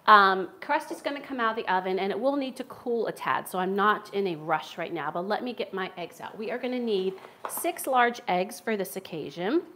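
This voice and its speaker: A camera across a large home kitchen records this middle-aged cooking show host with a Philly accent as she chats, laughs often, and cooks during a live stream. Her voice is mid-range at a moderate pace, and the background is noisy.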